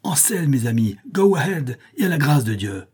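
A man's voice: medium pitch, sing-song, normal speed, a little mellow, breathy edge, voice pushed up. A man voicing a young American man who takes charge, barking commands over a storm in a read-aloud story. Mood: commanding.

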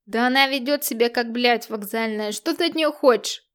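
A woman's voice: on the high side, moderate pace, a bit bright, smooth, natural voice. A woman voicing a mocking, rude teenage brother who sneers crudely. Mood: sneering.

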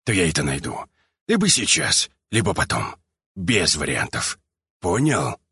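A man's voice: low-pitched, big pitch swings, a little slow, sharp tone, slightly rough, no echo, exaggerated voice. A man growling as a menacing young mutant. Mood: threatening. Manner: growling through clenched teeth.

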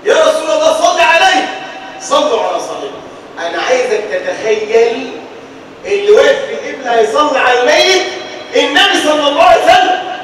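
A man with an Egyptian accent preaching a sermon, telling stories dramatically with loud exclamations and low asides. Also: expressive, fast, a little hiss or hum. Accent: Egyptian Arabic. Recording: echoey hall, distant mic, faint ambience.

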